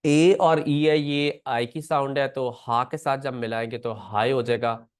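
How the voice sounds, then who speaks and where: A man's voice: mid-range voice, fairly even intonation, unhurried, clean tone, no room sound, studio quality. A man teaching a classroom pronunciation lesson, patiently explaining and repeating words aloud. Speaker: language teacher.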